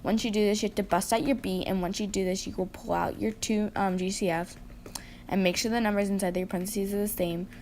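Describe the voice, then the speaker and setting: A woman's voice: mid-range voice, fairly even intonation, fairly quick, darkish tone. A woman giving a procedural, repetitive walkthrough of math practice problems as a student presenter. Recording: faint background noise.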